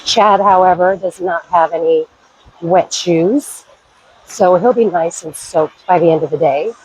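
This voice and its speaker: A woman with a head cold and a raspy, congested voice chats upbeat while filming a walk down a forest trail to a waterfall. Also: on the low side, a little slow, a little mellow, poor audio. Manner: chatty, upbeat, pointing things out. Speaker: vlogger. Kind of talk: casual hiking vlog.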